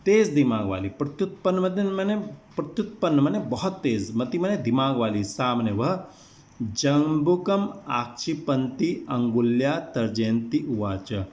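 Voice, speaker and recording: A male teacher explaining a classroom text line by line, slowly glossing each word and repeating meanings. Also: mid-range voice, expressive, darkish tone. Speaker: Sanskrit teacher.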